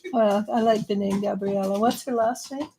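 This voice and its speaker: A woman's voice: medium pitch, steady tone, normal speed, mellow, a little hiss or hum. A woman giving live tarot readings in a chatty way, laughing now and then. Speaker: psychic reader.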